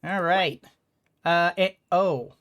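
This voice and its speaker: A gaming video host rambles through casual let's-play commentary, thinking out loud and talking to the game. His voice is high-pitched and slow, with slight background noise behind it.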